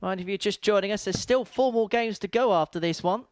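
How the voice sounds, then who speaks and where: A man's voice: high voice, a little fast, darkish tone, dry recording. A man giving live darts commentary in a chatty, wordy way with playful turns of phrase.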